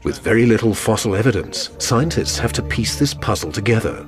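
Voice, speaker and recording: Deep, dramatic male documentary narrator. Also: expressive, brisk, over music.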